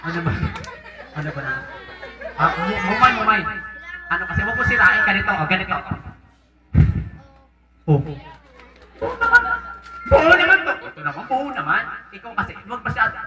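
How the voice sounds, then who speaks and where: A man's voice: sits high, expressive, brisk, long pauses. A man working as a clown at a children's birthday party, teasing and joking with a child and laughing often. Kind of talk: hosting a children's party game. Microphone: handheld mic, recorded by a distant camera. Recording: roomy sound from far off.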